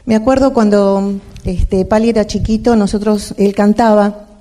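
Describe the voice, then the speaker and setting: A woman's voice: medium pitch, steady tone, moderate pace, warm tone. An older woman with an Argentine accent, giving a devotional talk to a women's church meeting, telling personal stories and often checking in with her listeners. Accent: Argentine Spanish. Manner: storytelling, often asks "¿no es cierto?".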